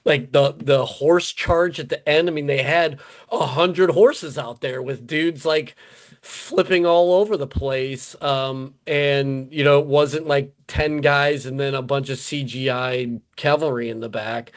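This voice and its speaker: A man's voice: medium pitch, steady tone, measured pace. A man hosting a casual podcast film review, loose and filler-heavy, laughing easily. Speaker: podcast host.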